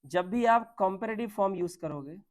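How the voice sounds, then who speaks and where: This grammar class is led by a man with a high voice and moderate pace who asks his students questions only to answer them on his own. He speaks Hindi sprinkled with English terms.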